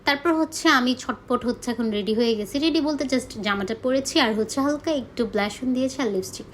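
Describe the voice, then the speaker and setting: A woman's voice: fairly high pitch, fairly quick, a little hiss or hum. A young woman from Bangladesh narrating her vlog in a chatty, casual way, often dropping English words into her speech. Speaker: vlogger.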